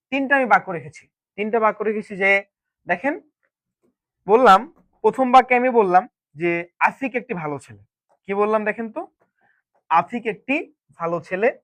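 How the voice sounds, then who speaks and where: Male English teacher, quick high delivery, dry close sound, quizzes viewers. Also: a bit bright, dry recording. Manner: repeats questions to viewers and answers them himself. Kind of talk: classroom-style grammar lesson.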